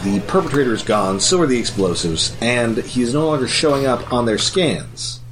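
A man co-hosting a podcast, recapping a cartoon episode in a relaxed way with fillers and restarts. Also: mid-range voice, moderate pace, soft background music, rough recording. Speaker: podcast co-host.

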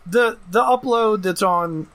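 A man co-hosting a podcast in casual chat, talking in a lively way and often restarting his words. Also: sits high, slow pace. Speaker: podcast co-host.

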